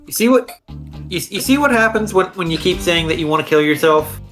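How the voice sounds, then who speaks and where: A man's voice: sits high, expressive, brisk, a bit bright, soft background music. A man co-hosting a game stream, chatting casually and joking with friends. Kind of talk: casual let's-play chat.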